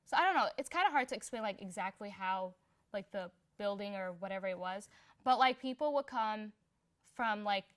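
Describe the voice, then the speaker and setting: A woman's voice: mid-range voice, expressive, moderate pace. Young woman in a casual interview. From Somalia. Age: young adult. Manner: chatty and unpolished, heavy on filler words. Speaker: interviewee in a community profile.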